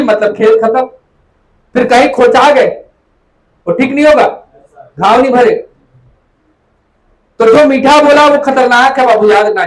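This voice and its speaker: A man's voice: very high-pitched, poor audio. A man teaching a classroom lecture, repeating memory tricks and calling students "beta".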